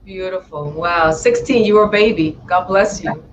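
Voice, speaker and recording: A woman's voice: lowish voice, moderate pace, muffled recording, slight background noise. A woman hosting a talk show interview, effusive and full of praise, often addressing her audience as friends. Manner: effusive, repeats "my friends" and "wow".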